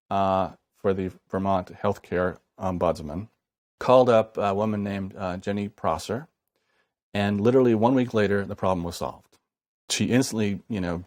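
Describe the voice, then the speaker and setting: A man's voice: sits low, no room sound, clean studio sound. An American man tells a personal story as a testimonial about his own family. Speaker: client's son giving testimonial.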